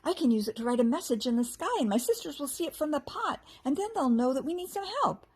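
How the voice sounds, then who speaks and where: A woman's voice: sits high, animated, fast, a little mellow, pitched above the performer's own voice. A woman voicing a tiny, kind and brave girl fairy from a storybook, in an eager, reassuring manner. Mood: excited.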